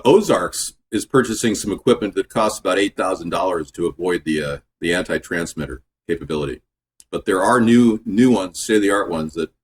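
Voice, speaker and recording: A man hosting a casual home cooking video in his kitchen, chatting in a relaxed, rambling way that drifts off topic. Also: lowish voice, a little hiss or hum. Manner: relaxed, filler-heavy talk. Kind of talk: casual cooking vlog chat.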